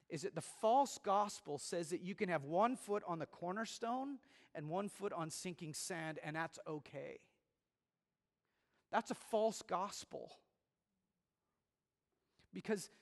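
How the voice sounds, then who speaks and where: A man preaching in earnest, his slightly high voice pressing harder as he drives each point home. His words ring out with a long reverb across a large church sanctuary. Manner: earnest, building to emphatic preaching. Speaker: pastor. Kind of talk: sermon.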